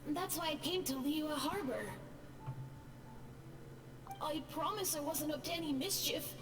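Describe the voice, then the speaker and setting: A woman's voice: high voice, a little slow, music in the background. A woman voicing a meek, apologetic lost ghost boy in a video game, hesitant and earnest, with a ghostly reverb effect. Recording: distant, echoing reverb.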